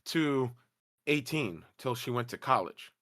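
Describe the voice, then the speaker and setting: Emphatic bright-voiced man from New Jersey. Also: medium pitch, expressive, a little slow, dry recording, studio quality. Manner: emphatic, repeats points for effect. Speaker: podcast co-host. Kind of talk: casual political chat.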